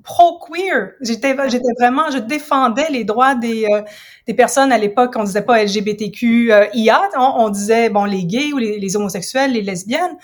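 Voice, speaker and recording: With a fairly high pitch, a fifty-something guest from Ottawa, Canada talks in a casual interview. She's a university professor and writer, and her delivery is reflective, measured and explanatory.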